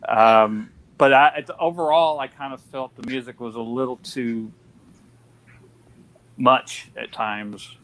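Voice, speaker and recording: A man's voice: medium pitch, slow, fairly bright tone. A man hosting a casual film discussion, chatty with lots of fillers and restarts. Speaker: podcast host.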